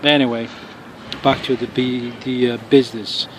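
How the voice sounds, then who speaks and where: Man, casual outdoor vlogger, irritated profane rant, halting speech, street noise behind. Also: medium pitch, flat delivery. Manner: angry, profane ranting with halting restarts. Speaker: RC car hobbyist reviewer. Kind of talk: casual outdoor review vlog. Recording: noisy outdoor street recording.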